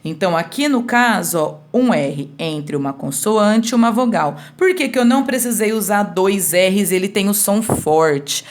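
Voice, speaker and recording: A woman teacher giving a remote school lesson, explaining slowly step by step and often checking that her students follow. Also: medium pitch, lively intonation. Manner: slow, explains step by step with frequent checks for understanding.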